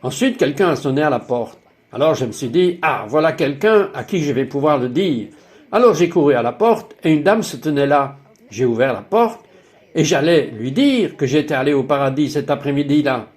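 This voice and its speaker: A man's voice: fairly high pitch, animated, normal speed, darkish tone. A man narrating a dubbed personal testimony in an emphatic, exclaiming way, full of wonder.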